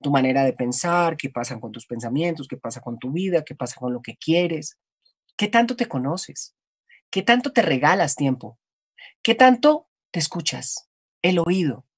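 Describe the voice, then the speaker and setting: A woman from Colombia, a voice-over artist, explaining her craft in a reflective, animated conversational interview. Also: deep voice, moderate pace, breathy edge, no echo, clean studio sound.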